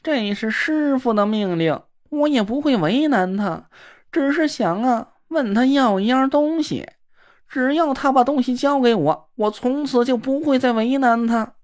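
A woman's voice: high-pitched, expressive, darkish tone, voice pushed up. Woman putting on a fawning, effeminate sly man. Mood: evasive. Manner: wheedling, drawn-out sing-song coaxing. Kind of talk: audiobook character voice.

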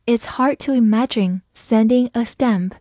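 A woman teacher reading out an English word list, saying each word twice and giving its meanings in an even recitation. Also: a little high, a little slow, dry recording. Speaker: vocabulary teacher.

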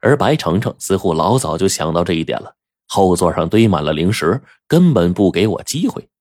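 A man narrating a first-person story in a wry, lively storytelling manner. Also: low-pitched, a little fast, no room sound, clean studio sound.

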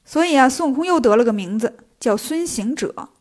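A woman telling a comic story in a lively way, with playful asides. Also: high-pitched, fairly quick. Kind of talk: comic children's story narration.

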